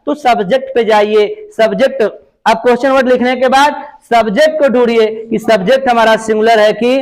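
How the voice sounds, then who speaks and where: A man teaching English grammar in Hindi. He asks questions and answers them himself, and he says each English example sentence slowly. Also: very high voice, fairly even intonation, darkish tone, poor audio. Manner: slow, drawn-out reading of English example sentences. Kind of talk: Hindi classroom-style grammar lesson.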